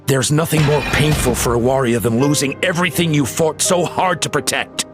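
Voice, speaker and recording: A man voicing a caring older father of a warrior in a game cutscene, earnest, gentle and courteous. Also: a little high, brisk, music in the background, close to an everyday voice. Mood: pleading, sorrowful. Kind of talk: dramatic video game cutscene dialogue.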